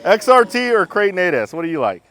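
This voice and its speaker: A man doing casual outdoor vlog commentary about RC cars, excited, exclaiming and laughing as he drives. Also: high-pitched, quick pace. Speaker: RC car vlogger.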